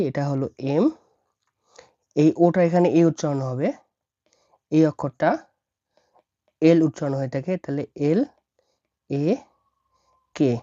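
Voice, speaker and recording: Woman language tutor, deep and mellow, patient letter-by-letter explainer, lo-fi sound. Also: no echo. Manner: spells words out letter by letter, repeats each word. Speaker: language teacher. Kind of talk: slow explanatory lesson. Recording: dull lo-fi dry recording.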